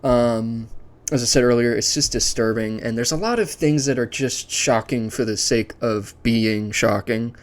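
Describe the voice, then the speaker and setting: A man ranks a series list on video, speaking at a medium pitch and an unhurried pace. His approach is casual and unscripted, voicing his thoughts and opinions conversationally as they come.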